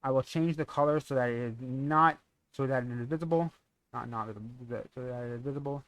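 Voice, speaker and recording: A man's voice: mid-range voice, a little fast, a bit bright, dry recording. A young man, a streamer, casually running through his donation tiers and schedule, rambling and correcting himself as he goes.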